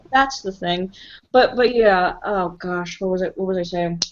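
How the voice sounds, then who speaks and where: A woman's voice: fairly low pitch, a little slow. A woman hosting a casual live stream chat, talking freely and laughing often. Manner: chatty, laughs often, talks with mouth full. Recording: dull lo-fi stream audio.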